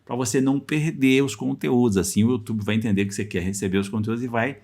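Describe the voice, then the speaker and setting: A man hosts a podcast interview, talking at a rapid clip. He is energetic and chatty, tossing in tag questions to his listeners. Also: mid-range voice. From Brazil. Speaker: podcast host. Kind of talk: casual interview.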